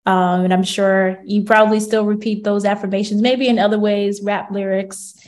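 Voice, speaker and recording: A woman's voice: mid-range voice, flat delivery, moderate pace, darkish tone. A woman hosting an interview, summarizing the guest's answers before asking her next question. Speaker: interviewer host. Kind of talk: casual interview conversation.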